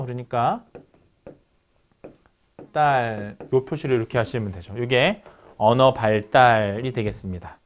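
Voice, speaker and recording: A man lecturing on phonetics, asking his students questions and answering them himself as he works through examples. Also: a little high. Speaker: university lecturer.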